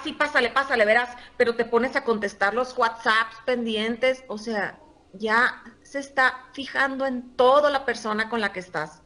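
A woman presenting a workshop, speaking lively and chatty to her audience and laughing often. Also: on the high side. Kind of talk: live seminar talk to a group.

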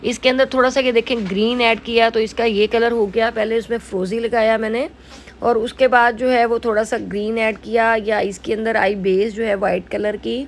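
Speaking at a moderate pace with fairly even intonation, this woman's voice sits on the high side, with a little hiss or hum behind it. She's a middle-aged Pakistani salon owner and makeup artist, talking chattily through a casual tutorial in Urdu-accented speech. Fillers abound, especially "jo hai woh."

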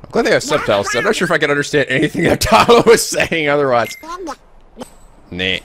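A man's voice: on the high side, very animated, fast, crowd noise. A man giving casual, playful gameplay commentary, exclaiming and swearing freely as host. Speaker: gaming video host. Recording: game music behind commentary.

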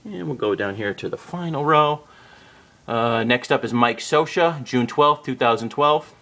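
A man casually narrating a walkthrough of his collection on home shelves, naming items one after another with the odd pause and self-correction. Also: mid-range voice. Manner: steady list-like naming with occasional uh and self-corrections. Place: indoors at home by display shelves.

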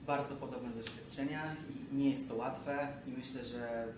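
A young man, a running coach, explaining his views calmly and firmly in casual conversation. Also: mid-range voice, moderate pace. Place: bright office room. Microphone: far camera. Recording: echoey room from far off with noise.

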